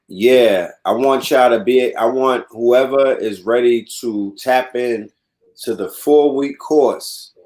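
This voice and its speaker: A man's voice: on the low side, darkish tone, rough recording. A man hosting a livestream, talking casually and explaining things to his viewers. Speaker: livestream host.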